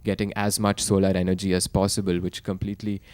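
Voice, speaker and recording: A man speaking on a panel, measured and critical, with some fillers. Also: low-pitched, level tone, a little mellow. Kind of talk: panel talk.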